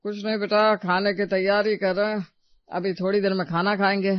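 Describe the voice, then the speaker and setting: A woman voicing a gruff, dismissive, stingy old father-in-law in a storybook drama. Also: mid-range voice, flat delivery, normal speed, no echo, natural voice. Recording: dull lo-fi recording.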